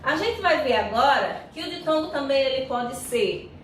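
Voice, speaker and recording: A Brazilian woman teacher giving a grammar lesson, who sounds out syllables slowly and often checks in with her students. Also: high voice, animated. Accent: Brazilian Portuguese. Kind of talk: recorded online grammar lesson. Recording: echoey room, voice far from mic, faint noise.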